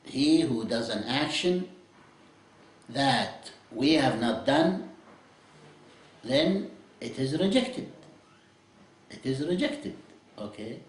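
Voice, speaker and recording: A man's voice: medium pitch, takes it slowly, pauses often. Man teaching a lesson in an echoey room. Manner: explains in English with Arabic phrases, asks "you see?", "okay?"; lively, chuckles at his own examples. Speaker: Islamic studies teacher. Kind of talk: classroom lecture.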